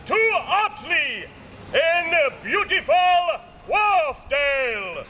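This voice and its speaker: A man shouting a town crier's proclamation, declaiming loudly in short, separated phrases. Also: very high-pitched, sing-song, drawn-out words. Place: outdoors in a town. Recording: noisy outdoor recording, street and vehicle noise.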